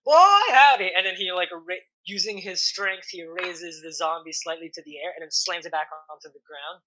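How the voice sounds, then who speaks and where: A woman game master improvising tabletop narration, feeling out the story haltingly as she goes. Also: on the low side, flat delivery, pushed and bright, poor audio.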